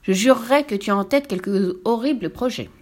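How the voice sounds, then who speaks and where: A woman voicing a big, excitable hippopotamus who is outraged by the crocodile. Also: on the high side, a little fast, voice pushed up, close to an everyday voice. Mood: indignant. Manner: exclaiming, indignant.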